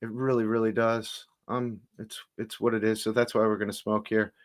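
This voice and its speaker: A man's voice: lowish voice, flat delivery, normal speed. Guy rambling on a home livestream into his phone, restarts a lot, chatty with viewers. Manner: rambling, stop-start, greets chat viewers by name. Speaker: livestream host reviewing cannabis. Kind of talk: casual livestream chat.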